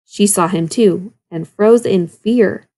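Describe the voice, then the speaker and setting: Slow and warm at a medium pitch, a woman teaching second grade reads a story to children expressively. Along the way she teaches and asks her young listeners questions in little asides.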